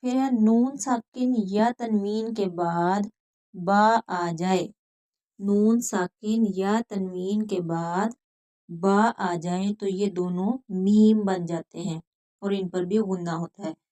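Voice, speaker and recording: A woman with a Pakistani accent teaching Quran reading, explaining each rule step by step and slowly repeating words. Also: mid-range voice, steady tone, warm tone. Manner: patient, repeats words slowly and stretches recited sounds. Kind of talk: slow step-by-step lesson.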